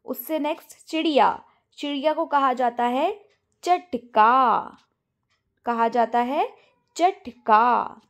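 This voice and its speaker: A woman teacher explaining a lesson step by step, dropping in English words and drawing out the answer words slowly. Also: high-pitched. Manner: stretches out words slowly when reading answers. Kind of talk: online class lesson.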